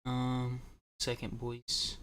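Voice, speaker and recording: A young man chats loosely on his livestream in a voice of ordinary middle pitch. He rambles, keeps calling his viewers "boys", and stumbles through fillers and restarts. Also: monotone, drawn-out words, a bit bright, clean tone. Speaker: livestream host. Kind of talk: casual livestream chat.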